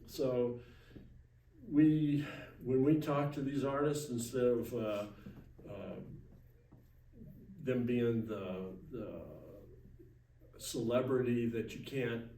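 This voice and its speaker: A man speaking casually as an organizer being interviewed, halting and repeating words as he goes. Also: medium pitch, mellow. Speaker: gathering organizer, interview guest. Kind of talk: casual informal interview talk. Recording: roomy, distant mic, faint noise.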